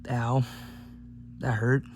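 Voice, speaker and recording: A man with a medium-pitched, level voice speaks very slowly while hosting a gadget teardown video. His commentary is casual and rambling, sprinkled with offhand jokes as he works, and the recording is clearly noisy with hum.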